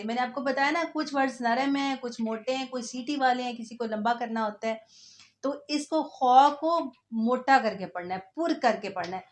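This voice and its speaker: A woman teaches the sounds of Arabic letters at a slow, careful pace. Her voice sits high, and she pauses to explain before stretching out each letter in recitation. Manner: patient, explanatory. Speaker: Quran reading teacher. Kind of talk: slow step-by-step recitation lesson.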